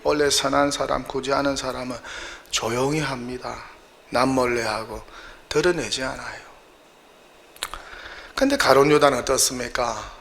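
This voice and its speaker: A man's voice: mid-range voice, normal speed, gravelly, pauses often, fairly bright tone, a little hiss or hum. A male pastor preaching a sermon in a church, emphatic and full of rhetorical questions.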